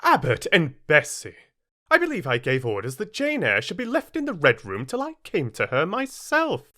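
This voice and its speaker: A man's voice: on the high side, wildly swooping pitch, normal speed, bright, forceful tone, no room sound, clean studio sound, pitched above the performer's own voice, full character voice. A man playing a cold, peremptory aunt. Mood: stern. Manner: peremptory and clipped. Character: stern, cold aristocratic aunt.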